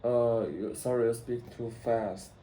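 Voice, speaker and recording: A man practicing English, speaking haltingly with many fillers and restarts. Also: mid-range voice, steady tone, mellow, echoey room. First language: Mandarin Chinese. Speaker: English learner. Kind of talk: practice conversation.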